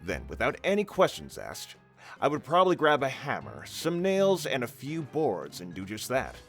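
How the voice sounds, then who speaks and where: Man voicing a calm pizzeria owner. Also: medium pitch, moderate pace, faint music behind. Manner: calm, understated. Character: calm middle-aged male pizzeria owner, quietly knowing.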